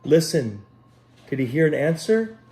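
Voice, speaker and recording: A man's slightly high, sing-song voice carries a Bible story read aloud to children. He takes it gently and unhurriedly, pausing to speak directly to them as a Sunday school teacher.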